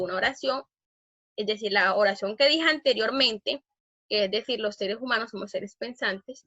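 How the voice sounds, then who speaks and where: A woman teaching a grammar lesson in an emphatic way, often pausing on fillers and restarting phrases. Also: fairly high pitch, pushed and bright, no echo, muffled recording.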